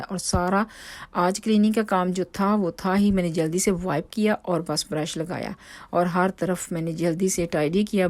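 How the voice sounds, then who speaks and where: A woman's voice: lowish voice, darkish tone, dry recording. Chatty Pakistani woman narrating home vlog. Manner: chatty, with frequent fillers and restarts. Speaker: home vlogger. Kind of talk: casual voice-over narration.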